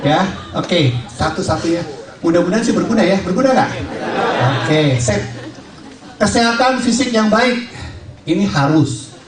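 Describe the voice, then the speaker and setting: A high-pitched man gives a lively training talk to a room of salespeople, joking and firing questions at them. He sounds far from the mic, in an echoey room. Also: unhurried, pauses often, crowd noise. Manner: jokey, asks the audience questions, acts out scenes.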